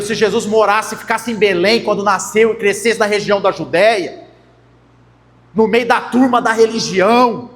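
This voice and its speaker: Young male pastor, Brazilian accent, high-pitched, chatty sermon, echoing church hall. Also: slight background noise. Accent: Brazilian Portuguese. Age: young adult. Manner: conversational preaching with anecdotes, addresses congregation as brothers. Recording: long church hall reverb.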